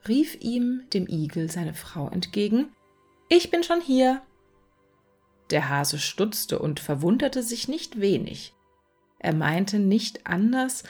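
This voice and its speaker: A woman reading a fairy tale aloud, slowly, sometimes half in a whisper. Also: medium pitch, a little mellow, husky. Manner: slow, at times half whispered. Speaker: narrator.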